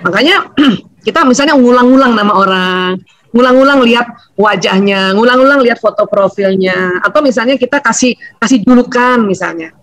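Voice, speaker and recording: A middle-aged woman giving a lively seminar talk on family life, chatty and laughing often. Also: a little high, a little fast, dry recording, low-quality recording. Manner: animated, chatty, laughs often, acts out quotes. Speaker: seminar speaker on family relationships.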